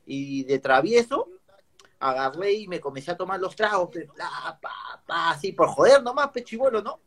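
A man's voice: sits high, animated, normal speed. A man with a Peruvian accent telling a crude anecdote in casual chat, full of slang. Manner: crude, slang-heavy storytelling.

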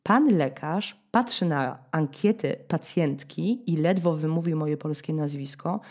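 A woman in her thirties from Poland hosting a podcast, telling a story in a dramatic, ironic way, with sudden high-pitched bursts as she acts out scenes. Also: a little slow, a little mellow. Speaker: podcast host. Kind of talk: storytelling monologue.

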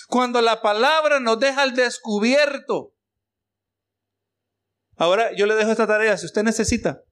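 A man's voice: very high-pitched, a bit bright. A man preaching a sermon as pastor, mixing rhetorical questions and exclamations of praise for the congregation.

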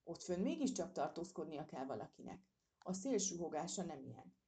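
A woman voicing a grumbling, slow-witted uniformed park keeper who mutters to himself, in a storybook reading. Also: low voice, big pitch swings, warm tone.

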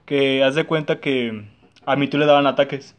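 A man's voice: mid-range voice, steady tone, normal speed. A young man with a Mexican accent telling a personal story in casual, slangy chat, full of fillers.

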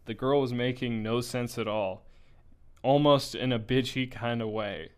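Smooth-voiced young man reading a story. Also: mid-range voice, fairly even intonation, a little slow. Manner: casual, with slips, laughs and asides.

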